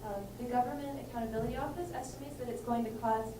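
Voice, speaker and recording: A woman's voice: a little high, fairly even intonation, fast. A seventeen-year-old girl from Michigan giving an earnest student presentation at a conference. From Michigan, USA. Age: teens. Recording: roomy hall, distant mic, hiss.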